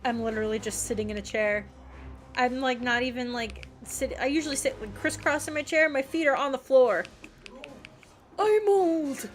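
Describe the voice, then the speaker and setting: A woman video game streamer gives casual gameplay commentary on a livestream, muttering questions and reactions to herself as she plays. Her voice is high-pitched and her pace moderate.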